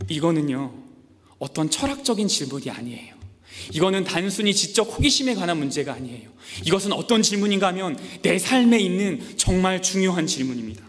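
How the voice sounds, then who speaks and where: A man delivers a devotional sermon in a high voice, his words ringing with the long reverb of a large hall. He acts out pleading prayers and complaints, building them up with growing intensity. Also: sing-song, fairly quick, fairly bright tone. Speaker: preacher. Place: church camp meeting hall.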